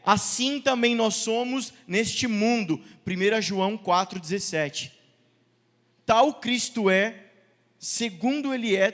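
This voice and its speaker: A man's voice: very high voice, a bit bright. A Brazilian pastor with a Brazilian Portuguese accent, reading scripture aloud and then preaching to his church, asking his listeners questions as he goes. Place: church sanctuary. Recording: long reverb of a church hall.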